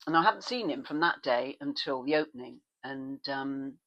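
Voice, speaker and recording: A woman's voice: normal speed, muffled recording. A woman vlogging in a casual chat, rambling through asides and restarts. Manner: animated, with sudden pitch leaps when excited.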